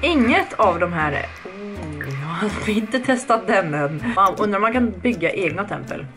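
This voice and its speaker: Chatty young woman gaming with swears. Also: medium pitch. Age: young adult. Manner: chatty and excitable, swears often, reads game text aloud. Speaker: gaming video creator. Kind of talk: casual let's-play commentary. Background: background music.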